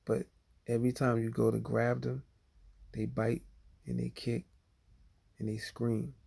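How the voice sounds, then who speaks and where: A man's voice: mid-range voice, monotone, measured pace, creaky, dark tone, breathy edge. A man talking bluntly to viewers in a rambling casual livestream monologue, leaning on "you know" and "okay?" as he goes.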